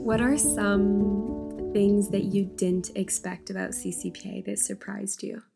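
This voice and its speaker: A woman's voice: medium pitch, fairly even intonation, a little slow, vocal fry, loud music behind the voice. A young woman hosting a casual podcast chat, giggly and encouraging toward her guest. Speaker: host.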